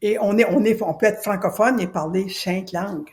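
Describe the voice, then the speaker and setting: Interviewed on a podcast, this spokesperson for a citizen committee, a woman from Acadia in New Brunswick, speaks at a moderate pace in a medium-pitched voice with a darkish tone. She's earnest and goes back over her main points to stress them.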